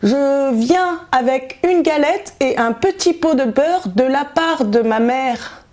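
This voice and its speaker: Naive little storybook girl, voiced by a woman, innocent and wondering, slow and a touch high. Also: expressive, a little mellow.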